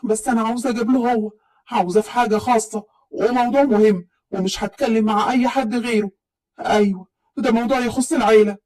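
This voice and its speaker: A woman voicing a bold, proud young woman from Upper Egypt who speaks with sharp, defiant retorts, in an Upper Egyptian accent. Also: a little high, fairly even intonation, quick pace, close to an everyday voice, low-quality recording.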